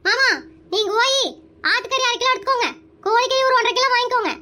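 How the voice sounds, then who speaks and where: A voice actor doing a loud, nosy cartoon aunt. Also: extremely high pitch. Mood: bossy. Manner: loud, scolding, nosy and fast. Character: bossy talkative middle-aged aunt. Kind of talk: animated cartoon voice acting.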